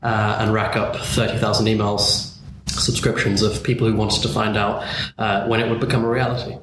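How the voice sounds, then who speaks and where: A man's voice: lowish voice, flat delivery, moderate pace. Dutch-native man in an echoey room. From born in Scotland, raised in the Netherlands and the Philippines. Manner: articulate, wry, many ums. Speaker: guest, software founder. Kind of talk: casual interview answers. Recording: echoey room with background noise.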